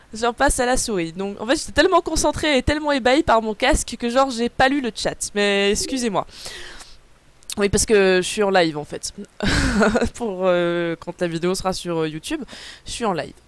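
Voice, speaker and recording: A woman's voice: a little high, clear, resonant tone, dry recording. Rambling young woman livestreamer. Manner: rambling, casual, with frequent fillers; reads chat aloud and answers it. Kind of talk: live unboxing stream, chatting with viewers.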